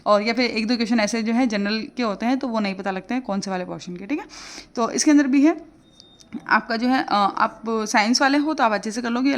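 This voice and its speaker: Woman tutor, fairly high voice, rapid chatty delivery. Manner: chatty, explains casually with many fillers. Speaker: exam prep tutor. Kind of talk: casual study advice for exam aspirants.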